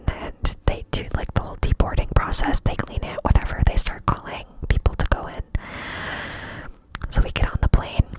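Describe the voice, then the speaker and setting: A fully whispered voice, cupped by the hands close to the microphone. The speaker tells a personal story in a chatty, rambling ASMR style, breathy and unvoiced throughout. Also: poor audio. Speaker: ASMR video creator.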